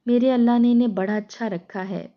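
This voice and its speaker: A woman's voice: a little high, steady tone, dull audio, voice pushed up, natural voice. A woman voicing a grieving mother driven mad by hunger and loss, in a tearful, pleading lament.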